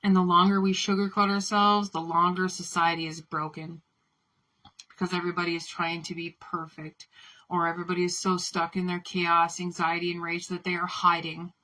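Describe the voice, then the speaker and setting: A woman's voice: lowish voice, flat delivery, moderate pace, sharp tone, rough recording. A woman delivering an impassioned spiritual monologue, fiery and profane, building repeated chant-like affirmations. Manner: fiery, swearing, chant-like repetition. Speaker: spiritual speaker.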